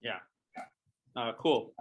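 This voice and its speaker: A man's voice: medium pitch, expressive, extremely slow. A man hosting an interview as a realtor, talking casually and hesitantly with repeated words and fillers.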